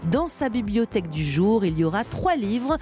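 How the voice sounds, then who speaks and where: A woman from Perpignan co-hosting a radio show, announcing the program in a clear, measured way. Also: medium pitch, big pitch swings, dark tone, faint music behind. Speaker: radio co-host.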